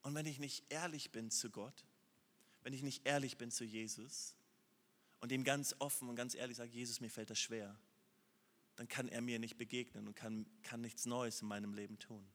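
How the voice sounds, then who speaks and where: Bright-voiced preacher in a reverberant hall. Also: male voice, mid-range voice, steady tone, normal speed. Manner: shifts from loud urgent appeals to soft, hushed prayer. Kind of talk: sermon.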